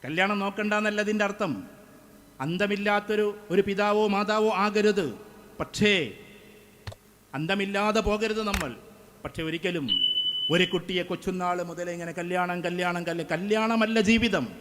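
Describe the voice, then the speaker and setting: A man's voice: high-pitched, steady tone, moderate pace, fairly bright tone. A middle-aged man, giving an emphatic speech to students and repeating phrases for effect. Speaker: motivational speaker. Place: school event hall.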